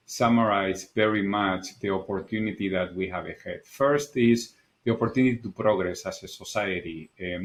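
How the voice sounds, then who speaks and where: A middle-aged architect and designer from Spain, with a Spanish accent, appears as a guest on a casual podcast interview. His voice sits on the low side, and he comes across as earnest and thoughtful, sometimes repeating words while searching for them.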